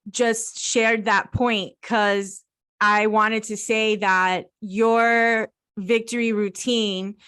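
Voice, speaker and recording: A woman's voice: mid-range voice, level tone, drawn-out words, fairly bright tone, clear, resonant tone. A woman from Cuba hosting an interview, enthusiastic and affirming as she sets up her questions. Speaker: interview host.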